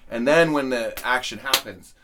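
A man's voice: mid-range voice, normal speed, noisy background. A man co-hosting a podcast, talking casually, swearing freely and restarting phrases as he builds his points. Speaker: podcast co-host. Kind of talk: casual chat.

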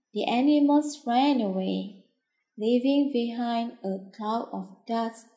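A woman gently reading a children's story aloud, in a roomy, echoey recording. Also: on the high side.

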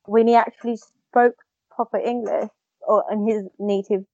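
A woman's voice: medium pitch, steady tone, normal speed, mellow, no room sound, muffled recording. A woman co-hosting a casual chat, talking enthusiastically about a show she recommends. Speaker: podcast co-host.

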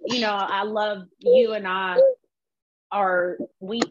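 A woman in her thirties hosting a video call interview, encouraging and warm with her guest. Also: medium pitch, big pitch swings, takes it slowly, creaky, dull audio. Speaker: host.

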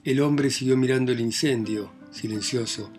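A man reading a novel aloud as narrator, in a plain, measured telling that lifts his pitch and volume when voicing characters. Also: a little mellow, soft background music. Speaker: audiobook narrator.

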